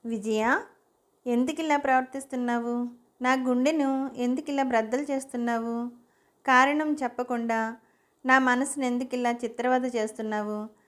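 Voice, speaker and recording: A woman reads as a young husband in a spoken storybook, gentle and troubled at heart. Her delivery is soft and pleading, in a fairly high voice. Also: fairly even intonation, moderate pace, long pauses, close to an everyday voice. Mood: anguished.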